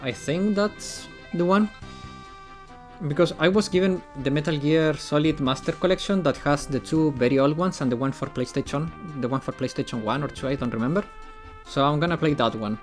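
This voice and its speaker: A man's voice: fairly high pitch, fairly quick, faint music behind. A man streaming video games, chatting casually and thinking aloud, often repeating his phrases. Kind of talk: casual live-stream chat.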